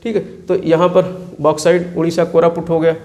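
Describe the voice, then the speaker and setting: A male teacher with a fairly high voice and a flat, brisk, dark-toned delivery takes students through exam map work. He poses questions, answers them himself, and repeats every place name to drill it in.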